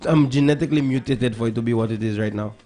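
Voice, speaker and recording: A man's voice: mid-range voice, fast talker, mellow. A young man, hosting a casual morning radio show in a jokey, playful way. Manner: playful, jokey, laughs easily. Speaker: radio host. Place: radio studio.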